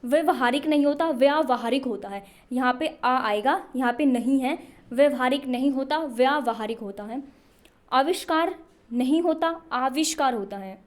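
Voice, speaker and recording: In a high-pitched voice at a moderate pace, a young woman leads exam prep on Hindi spelling. She keeps asking questions and supplying the answers on her own.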